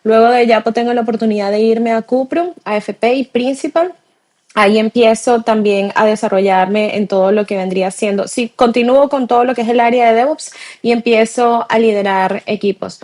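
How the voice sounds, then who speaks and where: A woman in her forties from Venezuela with a Venezuelan accent, answering interview questions in a measured way with frequent hesitations. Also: fairly high pitch, steady tone, darkish tone. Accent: Venezuelan Spanish. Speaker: guest, tech director.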